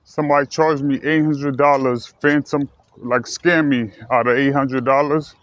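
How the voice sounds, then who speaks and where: A man's voice: medium pitch, fairly even intonation, normal speed, fairly bright tone. A man from the United States talking casually and earnestly to his viewers, rambling and correcting himself as he goes. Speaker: vlogger. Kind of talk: casual personal talk to camera. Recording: slightly dull lo-fi recording with faint ambient noise.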